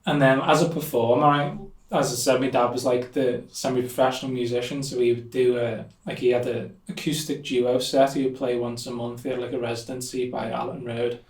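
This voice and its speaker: Speaking fairly quickly and rarely pausing, a young Liverpudlian musician guest chats loosely in an interview, full of fillers. His medium-pitched voice is delivered flatly. An echoey room and a mic at some distance shape the sound.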